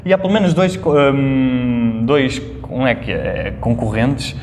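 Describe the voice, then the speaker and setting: A man's voice: mid-range voice, a little slow, darkish tone. A man with a European Portuguese accent chatting casually, emphatically repeating himself. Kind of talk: casual conversation. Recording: reverberant room with faint noise.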